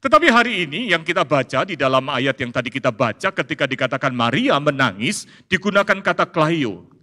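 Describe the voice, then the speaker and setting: A man preaching a sermon as pastor, animated and playful, swinging between high emphatic peaks and soft asides. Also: brisk. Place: large church hall. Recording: long hall reverb.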